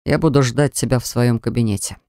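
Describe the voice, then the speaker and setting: Woman doing a young man, smug, low voice, firm, mocking, audiobook character. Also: moderate pace, creaky, dry recording, clean studio sound. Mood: smug, commanding. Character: brooding confident young man, pushy and smug.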